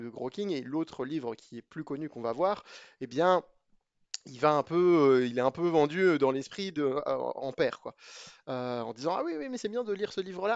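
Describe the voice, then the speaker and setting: A man's voice: mid-range voice, vocal fry, smooth, dry recording, highs cut off. A man giving a casual spoken review of programming books to his viewers, chatty and opinionated, hesitating with many fillers and restarts.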